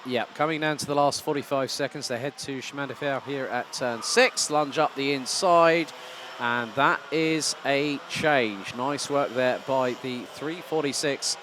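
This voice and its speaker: A man's voice: medium pitch, a little slow, a bit bright. A man working as a motorsport commentator, calling a live kart race in punchy phrases with rhetorical questions. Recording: noisy trackside sound with engines. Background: outdoor ambience and vehicle noise.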